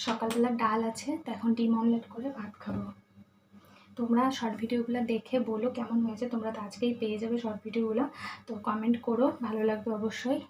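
A woman in her thirties speaking in a hushed voice in her kitchen at night, chatting to her vlog viewers. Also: fairly high pitch, level tone, fast talker, a little hiss or hum, poor audio. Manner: speaks quietly so as not to wake her husband. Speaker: vlogger. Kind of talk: casual hushed vlog talk. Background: dishes and cutlery clinking.

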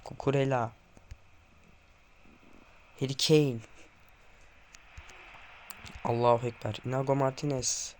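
A young man livestreams his football video game, calling out players one after another in a tense, jittery voice. He speaks at an even, mid pitch and admits to his viewers that he is shaking with nerves. Faint noise hums behind him. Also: takes it slowly, pauses often. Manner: tense and excited, calling player names, bursting into goal shouts. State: nervous, trembling hands. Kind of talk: live gameplay commentary to viewers.

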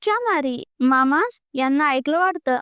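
A woman's voice: high-pitched, expressive, unhurried, no echo, muffled recording. A woman voicing a sheepish young man who talks in a nervous, placating way during a storybook reading.

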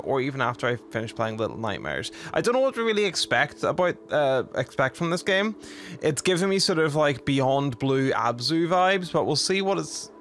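A man's voice: mid-range voice, a bit bright. A man giving casual let's play commentary, chatty and rambling, laughing easily as he reacts to the game. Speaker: streamer.

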